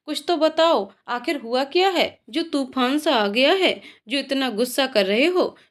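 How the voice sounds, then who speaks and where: A woman's voice: high-pitched, animated, measured pace. A woman voicing a caring, motherly sister-in-law who fusses over the family. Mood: concerned. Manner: fussing, motherly.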